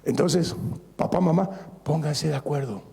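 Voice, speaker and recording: A male pastor preaching an animated sermon, joking with the congregation and repeating phrases for emphasis. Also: a little high, normal speed, vocal fry, slightly rough. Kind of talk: lively sermon. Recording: long reverb of a large church hall.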